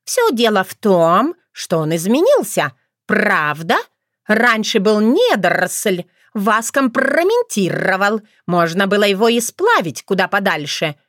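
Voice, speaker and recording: In a storybook reading, a woman plays a young female crow, a bald bride who mockingly teases her in-laws with sarcasm. She speaks at medium pitch in a sing-song, slightly slow and a bit bright way, with clean studio sound and no echo.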